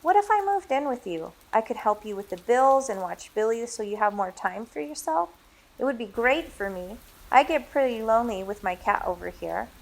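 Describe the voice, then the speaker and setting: A woman reading a story aloud, voicing a cheerful young woman who talks quickly and eagerly. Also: medium pitch, expressive, creaky, rough recording.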